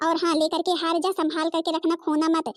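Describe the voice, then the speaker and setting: Woman doing a scheming cartoon mother, bossy, sly, high voice, dry. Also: level tone, fairly quick, no echo. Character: scheming middle-aged mother, a meddling guest.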